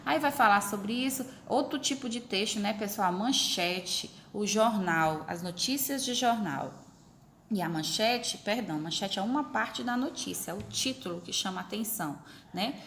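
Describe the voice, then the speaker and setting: A woman teacher explaining a lesson to her pupils, repeating examples slowly and stretching syllables. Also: mid-range voice, fairly bright tone, a little hiss or hum. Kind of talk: recorded remote class explanation.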